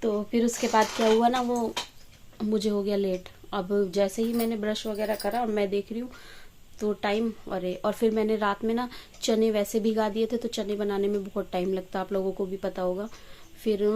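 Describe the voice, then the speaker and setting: A woman chatting casually in a home vlog, telling rambling stories about her day, at times speaking softly so as not to wake her family. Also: mid-range voice. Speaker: vlogger.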